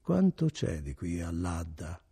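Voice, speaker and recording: Cast: man doing guarded young villager, husky, dark, feigning indifference. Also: a little high, huge pitch swings, moderate pace, voice pushed up, full character voice. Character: wary young male mountain villager. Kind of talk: audiobook character reading.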